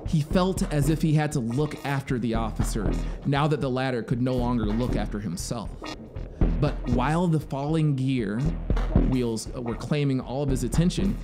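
A man in his thirties, a narrator and musician, reads a literary story deliberately and dramatically in a mid-range voice, stretching out key words. He sits close to a boom-arm studio microphone in a small indoor home studio, with synthesizer soundscape music playing behind him.

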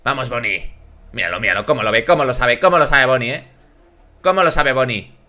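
A man with a Spain Spanish accent giving excitable reaction commentary as a YouTuber, exclaiming at the screen. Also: medium pitch, fairly quick. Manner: animated, exclaiming and shouting at the screen.

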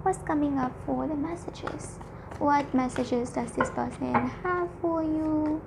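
A woman's voice: high-pitched, takes it slowly, vocal fry, heavy background noise. A woman giving an informal, mystical horoscope-style tarot reading, speaking directly to listeners in repetitive, hesitant phrases. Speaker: tarot reader.

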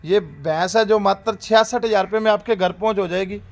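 Farm host, high-pitched male voice, upbeat salesman patter in an outdoor cattle yard on a phone mic. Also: brisk, creaky. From Rajasthan, India. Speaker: dairy farm host selling livestock. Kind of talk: casual livestock sales pitch.

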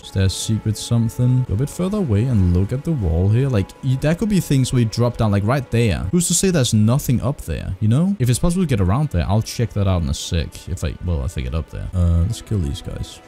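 Man, heavily compressed mic, low voice, excitable swearing gamer, faint music behind. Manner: excitable, swears a lot, jumps into high shrieks. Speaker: gaming video creator. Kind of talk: live gameplay commentary. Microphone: desk mic with compressor.

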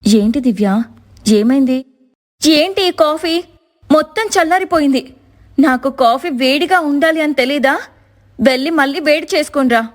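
A woman voicing a bossy, shrill young sister-in-law. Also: animated, normal speed, long pauses. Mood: scornful. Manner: demanding, scolding. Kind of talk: cartoon story voice acting.

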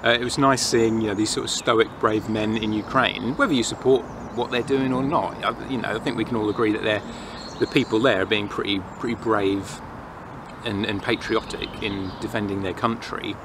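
A man in his thirties from England, vlogging outdoors, talks reflectively and casually to camera in a forest, airing his views in an English accent. His pitch is fairly low and even, his pace moderate, with distant planes and traffic in the noisy ambience.

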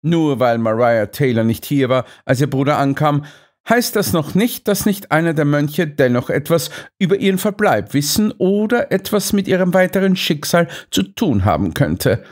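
A man voicing a sharp, aloof detective who speaks dryly and curtly in an audiobook. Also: a little high, animated, normal speed, voice pushed up, lightly acted. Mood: cool, dry. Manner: dry, detached, curt.

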